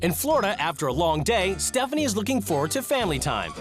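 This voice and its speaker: A reality show narrator with a lively, swooping delivery, building drama in a teasing voice-over. Clear background music runs under every line. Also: medium pitch, quick pace.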